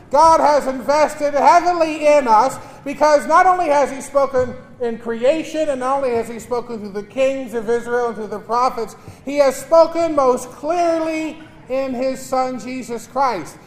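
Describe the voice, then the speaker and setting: A priest proclaiming the gospel and preaching a homily in a large church with a long cathedral-like echo, earnest with homely jokes. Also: male voice, very high voice. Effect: long cathedral-like reverb. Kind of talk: Mass gospel reading and homily. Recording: echoey church hall.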